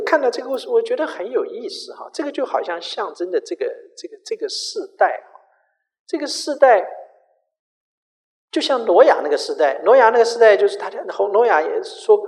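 A man preaching a sermon, telling a story in an animated way, often repeating and restarting words. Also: a little high. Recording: echoey hall with long reverb.

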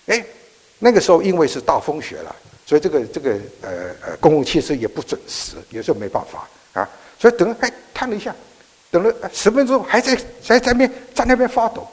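Husky man telling a sermon story. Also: high-pitched. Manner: animated, halting with many restarts. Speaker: preacher. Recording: echoey hall.

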